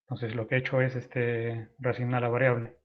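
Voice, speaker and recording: A man's voice: medium pitch, monotone, normal speed. Peruvian man teaching over a tinny call. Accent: Peruvian Spanish. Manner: explains step by step with frequent fillers and self-corrections. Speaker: programming instructor. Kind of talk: live online coding lesson. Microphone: video call audio. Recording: tinny phone-like video call audio.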